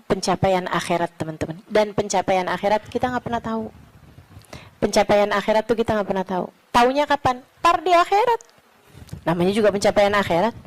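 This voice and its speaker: A middle-aged woman religious teacher giving a sermon, her delivery moving from soft murmurs to rising declamation. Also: medium pitch, poor audio.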